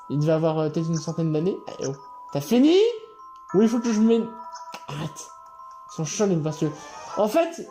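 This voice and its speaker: Excitable guy playing games, swearing. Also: high-pitched. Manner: excitable, swears and yells at the game. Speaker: gaming channel host. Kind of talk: let's play commentary. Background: game music.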